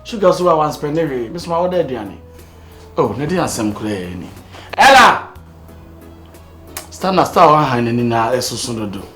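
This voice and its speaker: An actor playing an excitable young man who mixes pidgin and local words. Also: mid-range voice, moderate pace, long pauses. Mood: excited. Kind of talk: Ghanaian film acting. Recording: echoey room with faint music score.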